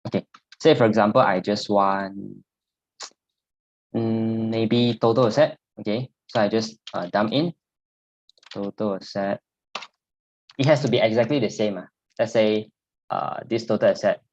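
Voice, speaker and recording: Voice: medium pitch, moderate pace, long pauses, a little mellow, highs cut off. An instructor with a Singaporean or Malaysian accent explains technical steps informally in Singlish, often ending phrases with "lah". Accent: Singaporean or Malaysian English. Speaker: programming instructor.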